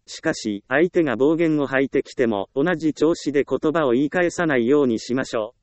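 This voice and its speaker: A man giving calm, scripted self-help narration in a steady, gentle and reassuring way. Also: mid-range voice, brisk, no echo.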